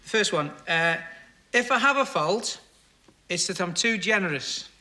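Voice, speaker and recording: A man's voice: high voice, lively intonation, measured pace. A man on a TV dating show reading out questions and cracking jokes, laughing through his lines. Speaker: game show contestant. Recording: studio with loud audience laughter.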